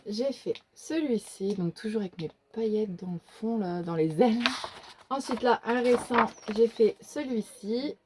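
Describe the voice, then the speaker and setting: A woman with a regional French accent, which she calls folkloric, shows off her coloring book collection in a casual show-and-tell vlog, hesitating with lots of fillers and restarts. Her fairly high, warm voice is expressive and measured in pace, over a little hiss or hum.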